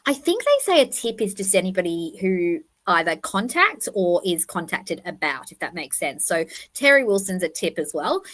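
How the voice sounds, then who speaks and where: A woman's voice: on the low side, fairly bright tone. A woman with a lisp and whistling s, chatting and correcting herself as she hosts a casual livestream commentary. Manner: rambling, self-correcting, chatty. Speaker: livestream host.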